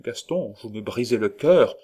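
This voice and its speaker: A man reading the part of a gentle, devoted young woman, speaking softly and earnestly. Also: mid-range voice, expressive, moderate pace, lightly acted. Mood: pleading.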